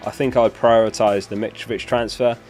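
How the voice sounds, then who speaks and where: Speaking briskly at a medium pitch, a young man keeps a level tone with a slightly mellow sound, and soft music plays in the background. As host of a live stream, he chats casually and answers chat questions while recovering from a lost voice.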